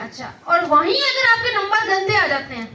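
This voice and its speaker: A woman's voice: very high-pitched, big pitch swings, normal speed, loud music behind the voice. A woman trainer teaching schoolchildren about safety, coaxing them with questions. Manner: coaxing, asks children questions. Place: school event with children. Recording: echoey, distant, crowd and noise.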